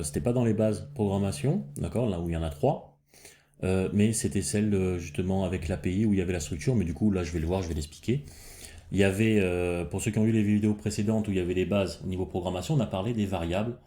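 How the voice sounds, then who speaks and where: A man's voice: low-pitched, warm tone. A man hosting a casual coding lesson, thinking aloud as he works, with frequent fillers and restarts. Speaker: programming tutorial host.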